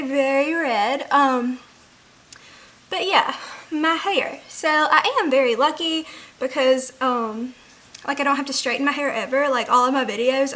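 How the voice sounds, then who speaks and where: High, bright-voiced young woman vlogger. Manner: informal, frequent "like" as filler. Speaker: beauty vlogger. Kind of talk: casual chatty makeup tutorial. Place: indoors, rain audible outside.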